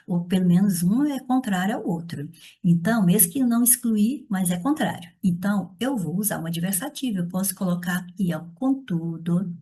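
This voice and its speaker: A woman teacher with a mellow, slightly husky voice, explaining an essay step by step as she writes it out by hand. She is middle-aged and speaks straight to her students, checking they follow along. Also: medium pitch. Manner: talks directly to the viewer, checking with "certo?". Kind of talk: essay-writing lesson.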